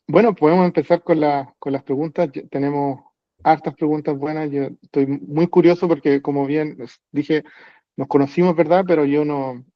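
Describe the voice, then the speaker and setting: Man, podcast host, gravelly, higher-pitched, hesitant, dull dry recording. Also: dry recording. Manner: hesitant, many fillers and restarts. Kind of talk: conversational interview.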